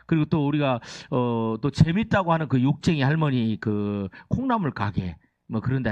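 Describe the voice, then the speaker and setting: A man's voice: mid-range voice, no room sound, dull audio. A male pastor preaching a Sunday sermon in a church, keeping the congregation engaged with questions and leading call-and-response reading. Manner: animated, keeps asking the congregation questions. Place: church sanctuary.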